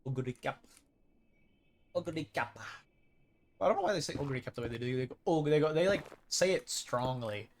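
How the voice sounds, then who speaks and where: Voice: mid-range voice, lively intonation, fast, hardly any pauses, darkish tone, slight background noise. A streamer rambling and thinking aloud over live gameplay in casual chat.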